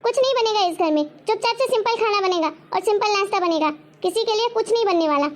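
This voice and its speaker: Talking fast at an extremely high pitch, a woman performs the role of a tight-fisted, harsh mother-in-law in a homemade family drama for the web. She scolds, taunts her daughter-in-law, and repeats what she wants.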